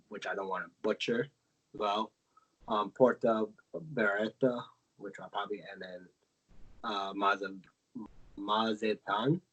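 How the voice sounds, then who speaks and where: A man from the United States with a fairly low voice co-hosts a casual podcast, explaining things at length with many fillers and self-corrections. The audio quality is poor.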